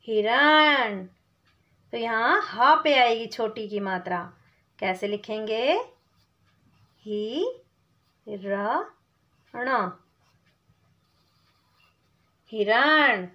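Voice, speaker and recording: A woman with a high, bright-pitched voice teaches young children to read, moving at an unhurried pace and pausing to sound out each syllable clearly. She keeps checking in with her young listeners, and the recording sounds slightly dull and lo-fi. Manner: addresses listener as "beta", checks in with "theek hai" often. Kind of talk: slow patient classroom explanation.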